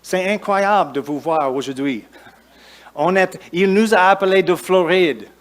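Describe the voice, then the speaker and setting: Pastor preaching in halting French. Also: male voice, sits high. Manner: preaches with halting restarts, rising emphatic lists and quieter asides. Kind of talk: sermon.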